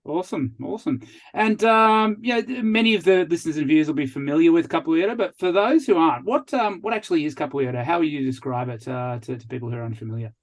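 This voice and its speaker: Male podcast host with a slightly high voice, asks hesitant questions full of fillers. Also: fast talker. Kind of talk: casual interview questions.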